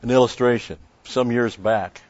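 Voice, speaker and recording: A man preaching a sermon in a measured way, with emphatic stresses. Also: mid-range voice, fairly even intonation, a little mellow, no room sound, dull audio. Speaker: pastor.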